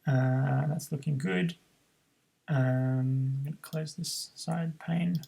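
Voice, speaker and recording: This programming tutor speaks slowly in a fairly high yet dark, creaky voice with a steady tone. He works through a screen-recorded coding lesson thinking aloud, with plenty of ums and self-corrections, over a rough recording.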